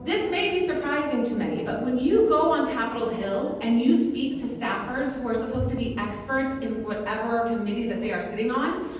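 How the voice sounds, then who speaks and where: Recorded from afar in a large convention hall, this dull, echoey clip features a woman with a fairly high voice speaking a little fast. Raised in Kuwait, she's an advocacy manager giving a persuasive conference talk and often asks the audience "right?".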